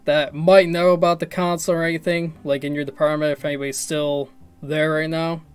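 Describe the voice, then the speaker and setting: A man in his twenties, a YouTube video host, makes a casual prank phone call from a small room at home. His fairly high, clean-toned voice is flat and fairly quick, and he sounds hesitant and rambling, as though confused.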